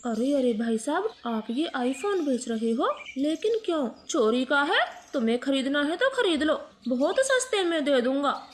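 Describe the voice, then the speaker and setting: A woman voicing a boastful thieving male crow in a cartoon, lowering her voice into a brash, bragging tone. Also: very animated, measured pace, few pauses, slight background noise. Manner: cocky, then pleading.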